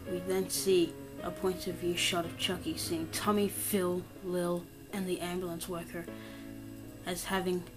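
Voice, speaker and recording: A woman narrating a creepypasta horror story in a steady reading voice, going quiet and slow for the grim parts. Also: on the low side, rough recording. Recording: narration over loud background music.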